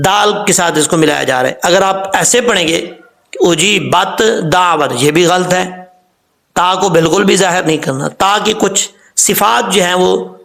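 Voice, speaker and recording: A man with a Pakistani accent teaching Quran recitation, explaining quickly, then drawing out recited words and spellings slowly. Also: high voice, creaky, fairly bright tone.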